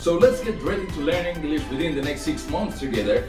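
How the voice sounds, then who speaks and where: A man with a high voice gives a scripted, emphatic channel intro as an English teacher. He sounds distant from the mic in an echoey room, with loud music playing underneath. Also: big pitch swings.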